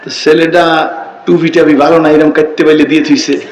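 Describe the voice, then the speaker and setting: Folksy preacher with an echoing sound. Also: male voice, fairly high pitch, flat delivery, brisk. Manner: calls on the crowd to answer loudly. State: sore throat. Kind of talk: folksy open-air sermon.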